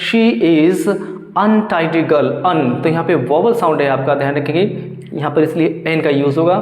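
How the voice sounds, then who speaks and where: Tutor going through exercise answers, drawls the sample sentences, quicker in between, roomy reverb. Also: medium pitch, a little mellow. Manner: reads example sentences slowly, then explains in quick bursts. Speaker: English teacher. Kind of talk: explaining a grammar exercise. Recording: echoey room with long reverb.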